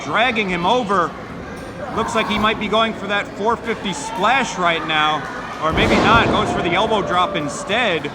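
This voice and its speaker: High-pitched male lucha libre wrestling announcer. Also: heavy background noise. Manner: lucha libre announcer calling moves excitedly. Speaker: play-by-play wrestling commentator. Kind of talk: live sports commentary. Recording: loud crowd and music behind.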